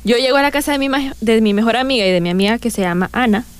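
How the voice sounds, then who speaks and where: A woman's voice: a little high, rapid-fire, clear, resonant tone, dry recording. A young woman, speaking hesitantly and self-consciously in a casual chat among friends, often restarting.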